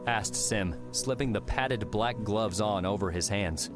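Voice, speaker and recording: A man with a fairly low voice tells a dramatic adventure audiobook in an unhurried way. Reading scripted prose as a storyteller, he has music clearly audible behind him.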